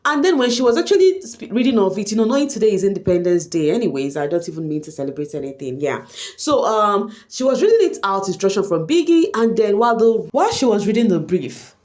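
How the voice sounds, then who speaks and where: Talking fast in a medium-pitched voice, this Nigerian-accented woman, an Igbo first-language speaker, gives animated gossip commentary on an online reality show. She speaks straight to her viewers and slips Pidgin slang into her casual chatter.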